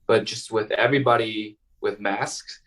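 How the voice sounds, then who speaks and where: A young Taiwanese man, a guest violinist, answers interview questions casually and hesitantly, full of fillers and restarts. His voice is fairly low and fairly bright, with a steady tone and a slightly slow pace. He sounds like he's being recorded from a distance.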